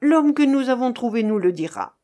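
A woman voicing an eager, impulsive young man in an audiobook, asking quick, keen questions. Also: high-pitched, sing-song, pitched above the performer's own voice. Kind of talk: audiobook dialogue reading.

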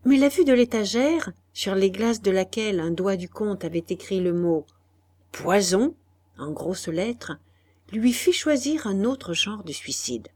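A woman narrating a literary audiobook in a measured, calm storytelling voice. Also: mid-range voice.

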